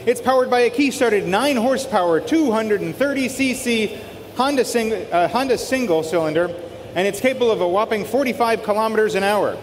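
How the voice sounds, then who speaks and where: A man's voice: high voice, animated, brisk. A man presenting auction lots live, reading upbeat descriptions in a breezy, colloquial way. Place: large auction hall. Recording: echoey hall PA, background noise.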